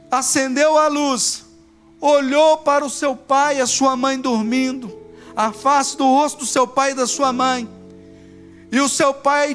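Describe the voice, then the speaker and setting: A man's voice: very high-pitched, a bit bright. A man with a Brazilian accent preaching a sermon at a church service, telling a story with emphatic repetition.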